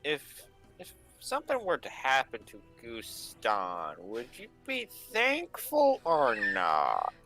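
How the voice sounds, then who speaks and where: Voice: medium pitch, huge pitch swings, slow, bright, forceful tone, soft background music. A tabletop game player who talks hesitantly, thinking aloud. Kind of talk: casual tabletop role-play.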